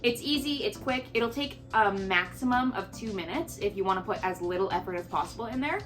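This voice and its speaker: A woman's voice: mid-range voice, lively intonation, fairly quick, faint music behind. Young woman, twenties, from Canada, chatty earnest vlog advice, casual filler words. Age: 20s. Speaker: lifestyle creator.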